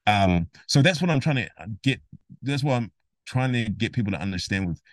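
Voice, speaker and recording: A man talks on a casual podcast with lively, emphatic energy and often slips into imagined exchanges to make his point. His voice sits in a middle register. The sound is dry and close. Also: medium pitch, brisk, no room sound. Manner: animated, emphatic, acts out imagined dialogue. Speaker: guest, rapper and music theory educator.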